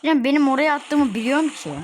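A woman chatting casually while playing a mobile game, often yelling at her teammates during matches. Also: high-pitched, brisk, a little hiss or hum. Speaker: gaming video creator. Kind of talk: casual gameplay commentary. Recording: game music clearly behind voice.

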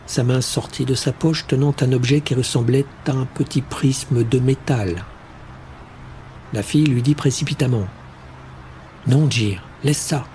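A man narrating a first-person science fiction audiobook in a measured, steady reading. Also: mid-range voice, a little hiss or hum.

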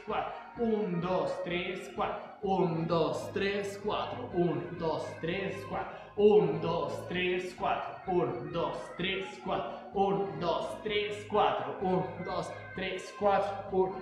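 High-voiced male gym coach, echoing hall. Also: fairly bright tone. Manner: clipped, projected counts and short commands of a gym coach. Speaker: fitness instructor. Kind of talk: aerobics class instruction with rhythmic counting. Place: large indoor studio with wooden floor. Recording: very echoey hall, music behind.

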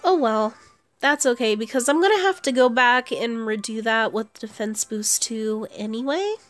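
Commenting on a game she's playing, this woman talks her thoughts through in a casual way over video game music. She speaks at a normal speed in a fairly high-pitched voice.

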